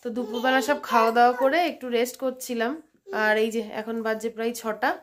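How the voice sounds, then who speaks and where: A woman's voice: level tone, fast. A woman with a Bengali accent narrating her days at home in a casual family vlog, filmed on a handheld phone. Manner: coos high and sing-song to a baby; speaks hushed and low in the morning. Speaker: vlogger.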